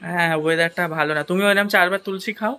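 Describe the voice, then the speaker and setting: A man's voice: high voice, fairly even intonation, very fast, sharp tone. A man, chatting casually to viewers while vlogging at home with his family. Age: 20s. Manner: chatty, addresses viewers directly. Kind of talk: casual family vlog narration.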